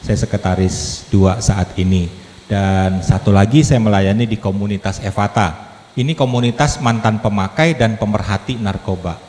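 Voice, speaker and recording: A man's voice: fairly low pitch, normal speed, a little mellow. A man in his fifties preaching as a lay speaker to a congregation, chatty and joking, drawing the audience in with questions. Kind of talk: sermon with humor. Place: church hall. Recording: echoey hall, faint background noise.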